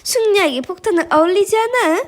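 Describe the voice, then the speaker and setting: A woman voicing a boastful, theatrical gentleman adventurer in a storybook reading. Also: very high voice, expressive, a little fast, pitched above the performer's own voice. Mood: swaggering.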